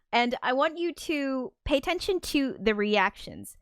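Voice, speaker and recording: A woman's voice: high-pitched, expressive, takes it slowly, no echo, studio quality. A woman hosting a casual livestream, chatting loosely about an old film, reading out viewer comments and laughing often. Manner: reads out viewer chat comments. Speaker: livestream host.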